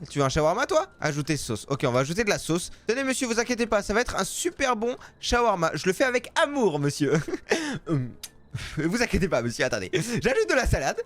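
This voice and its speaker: A man's voice: fairly high pitch, a bit bright. A man doing let's play commentary, chatty and teasing, talking to the game's customers. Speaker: gaming YouTuber.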